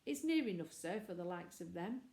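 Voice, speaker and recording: A woman reading aloud voices an excitable, boastful male servant who speaks in a rustic dialect. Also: on the low side, normal speed, vocal fry. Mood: excited. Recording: echoey room.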